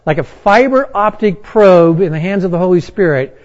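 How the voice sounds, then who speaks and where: A man preaching a sermon, reading and explaining scripture with slow, emphatic pauses. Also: high voice, lively intonation, darkish tone, highs cut off. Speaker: pastor.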